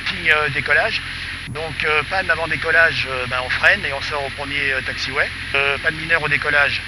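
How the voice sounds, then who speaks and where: A man's voice: a little high, moderate pace. A male pilot talking through checks casually in a light aircraft, heard over a pilot headset. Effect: pilot headset intercom. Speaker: pilot being familiarised with the aircraft. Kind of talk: casual checklist talk while flying. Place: small light aircraft cockpit in flight. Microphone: aviation headset. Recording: headset intercom, very loud engine noise.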